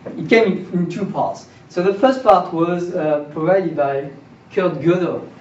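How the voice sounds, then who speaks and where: Speaking at a measured pace in a high voice, a young man runs an informal seminar, asking his audience questions and checking in as he goes. The sound comes from a distant camera in the small room, roomy and dull with faint noise.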